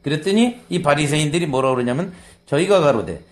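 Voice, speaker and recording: A pastor with a somewhat high voice talks fast as he preaches a sermon. He explains scripture conversationally, throwing in asides, and animatedly acts out the lines he quotes.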